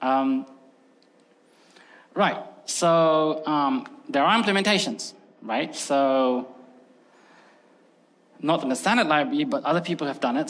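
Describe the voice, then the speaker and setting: A middle-aged Russian-speaking man gives a casual technical conference talk in a large hall with long reverb. His medium-pitched voice is slightly bright, and his chatty delivery is packed with fillers like "like" and "um".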